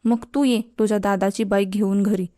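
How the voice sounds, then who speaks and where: A woman's voice: mid-range voice, steady tone, normal speed, mellow, dry recording, clean studio sound, natural voice. A woman voicing an irritated young male college student who keeps complaining, in a spoken storybook. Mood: annoyed.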